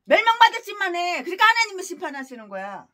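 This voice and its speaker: Woman pastor, sermon, very high and sharp-toned, harsh scolding delivery full of rhetorical jabs. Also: big pitch swings, fast talker. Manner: scolding, crude insults and rhetorical questions. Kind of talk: expository sermon.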